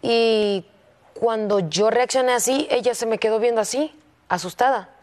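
Hesitant young woman confiding softly. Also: on the high side, moderate pace. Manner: soft-spoken and hesitant, with many restarts. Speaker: singing competition contestant. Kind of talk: personal confession to a teacher.

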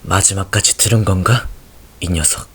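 Man as stoic military captain, low voice, terse, deadpan, resolute, anime dub. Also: moderate pace, slightly rough. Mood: curt, controlled.

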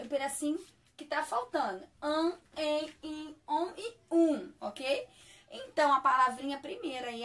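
A woman teaches a primary school class, reading workbook exercises aloud slowly and stretching out words for young children while checking with "tá?". Her voice is high-pitched and fairly bright, picked up by a distant mic.

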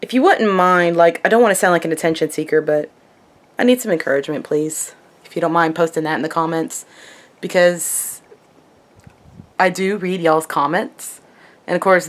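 A young woman vlogger talking casually to the camera in a video diary. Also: deep voice. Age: young adult. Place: small wood-paneled room at home.

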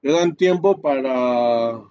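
A man's voice: medium pitch, takes it slowly, dark tone, clear, resonant tone. Man teaching a networking lab, lo-fi. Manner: explains step by step, many fillers and tag questions. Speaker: networking instructor. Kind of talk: live screen-share class.

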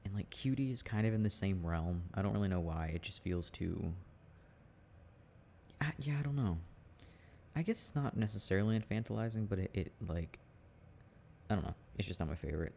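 A man voices an easygoing, teasing boyfriend talking with his partner in an intimate audio roleplay, with ambient noise in the background. Low and gravelly with fry, he speaks in a halting, casual, musing way, sounding amused and chuckling as he goes.

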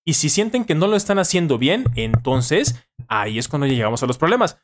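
In a small home studio, a Mexican-accented man in his thirties tutors languages on a relaxed live stream, fielding viewers' questions and repeating phrases for emphasis. He's near a boom-mounted studio microphone, and his higher-pitched voice is sing-song and a little fast.

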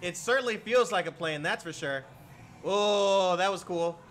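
Excitable high-voiced male streamer. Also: a little slow, a little hiss or hum. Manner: excitable, swears a lot, laughs at himself. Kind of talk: live-streamed gameplay commentary.

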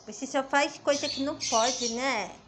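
A woman's voice: sits high, fairly even intonation, measured pace, background noise. A woman talking to her pet bird, scolding it fondly in a doting pet-talk voice, with bird chirps behind her.

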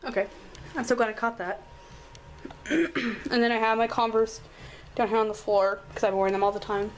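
A teenage girl, hoarse from a cold, chatting apologetically with lots of fillers as she films a tour of her bedroom. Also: on the high side, steady tone, moderate pace, slight background noise, poor audio. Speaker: vlogger. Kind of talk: casual room tour vlog. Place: bedroom at home.

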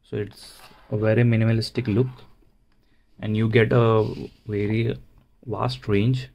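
A man giving a casual, unhurried how-to narration, explaining things plainly step by step. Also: fairly low pitch, level tone, vocal fry, a little mellow, lo-fi sound. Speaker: motovlogger, presenter.

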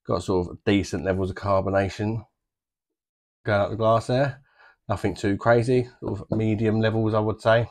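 A deep-voiced British man in his thirties talks through a beer tasting to camera. He is chatty and easygoing, drifting through fillers and loose descriptions. He is recorded close up in a small home bar room. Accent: British English. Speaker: beer reviewer. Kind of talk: casual review to camera.

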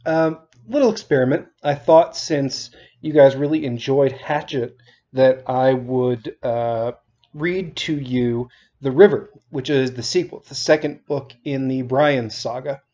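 A middle-aged male teacher sits on the couch in his living room, reading a children's novel aloud to students after a casual introduction. His voice is medium-pitched, unhurried and dark in tone, captured with dull, lo-fi webcam sound.

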